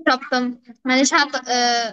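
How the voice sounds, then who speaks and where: A woman's voice: sits high, fairly even intonation, measured pace, sharp tone, clean tone, no room sound, muffled recording. A woman student asking a question in an online class, hesitant and questioning.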